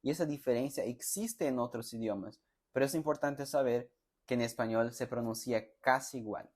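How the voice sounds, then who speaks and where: A man teaching a pronunciation lesson, slowly sounding out example words and syllables for learners to repeat, with friendly check-in questions. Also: medium pitch, a little mellow. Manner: slow, deliberate, sounds out words and syllables for repetition; friendly, addresses students directly with check-in questions. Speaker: Spanish teacher.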